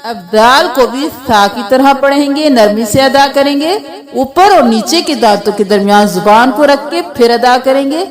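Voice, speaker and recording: A woman with a Pakistani Urdu accent teaching letter pronunciation, stretching out each letter name slowly between quick spoken explanations. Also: high voice, a crowd in the background. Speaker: Quran reading teacher.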